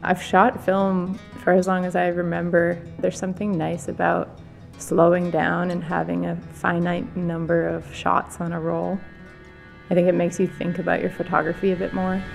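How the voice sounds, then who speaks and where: A young woman photographer narrating her trip in a relaxed, thoughtful voice-over. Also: lowish voice, moderate pace, gravelly. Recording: voice-over with loud guitar music behind.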